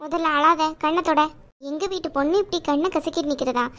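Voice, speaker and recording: A woman's voice: high-pitched, a little fast, a bit bright. A woman voicing a middle-aged aunt in a cartoon, firm and bossy but affectionate. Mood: firm caring. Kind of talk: cartoon voice acting.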